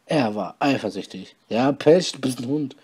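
A man reading a story aloud with deadpan, mocking asides. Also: mid-range voice, moderate pace, breathy edge. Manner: deadpan, mocking, comments on his own reading. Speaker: podcast host reading his story aloud.

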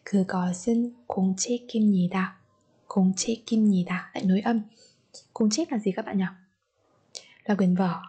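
Woman language teacher, mellow husky voice, patient, repeats examples, quizzes the class. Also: medium pitch. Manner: patient, repeats example sentences slowly, asks learners questions. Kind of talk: grammar lesson for learners.

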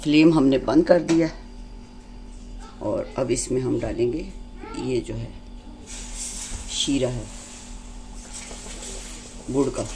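A woman hosting a home cooking demonstration, explaining each step calmly and patiently. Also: extremely low pitch, slow pace, long pauses, noisy background. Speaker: cooking channel host. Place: home kitchen.

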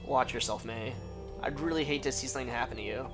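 A man's voice: medium pitch, quick pace, over music, close to an everyday voice. A man reading a stern, ominous cop aunt.

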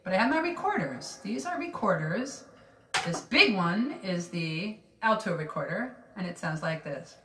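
A music teacher speaking softly and casually, her voice drenched in heavy reverb that makes it sound as if she is in a cave. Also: lowish voice, big pitch swings, moderate pace, recorded from a distance, background noise. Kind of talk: casual spoken explanation. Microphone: reverb effect on her mic.

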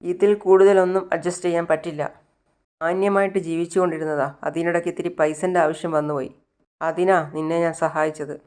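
Pushy desperate guy after money, read by a woman, loud. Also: a little high, level tone, a little fast, clean tone, close to an everyday voice. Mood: demanding. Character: desperate male accomplice, demanding money.

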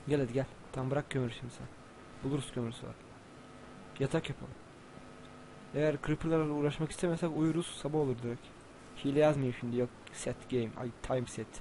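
Excitable young man, noisy gameplay recording. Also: mid-range voice, a little fast, long pauses. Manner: excitable, swears and shouts at enemies. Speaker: gamer. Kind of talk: casual gameplay commentary.

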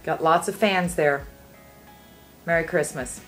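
A woman's voice: sits low, slow pace, fairly bright tone, faint music behind. Cheerful older woman from New Jersey. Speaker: longtime fan.

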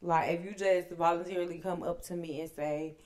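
A young woman co-hosting a casual podcast, blunt and profane, reacting loudly to her friend's stories. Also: on the low side, steady tone, fairly quick. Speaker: podcast co-host. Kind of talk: casual chat.

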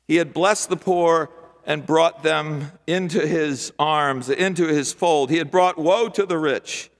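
An older man, a pastor, preaches a sermon from a wooden pulpit in a large church sanctuary, speaking into the pulpit microphone in a voice on the high side. His phrasing is rhythmic and repetitive, marked by emphatic pauses, and he gestures broadly with both hands. A long church-hall reverb fills the recording.

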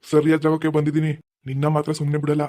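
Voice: mid-range voice, monotone, fast, darkish tone, natural voice. A performer voicing a menacing, mocking ghost in a cartoon. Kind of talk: animated cartoon voice acting.

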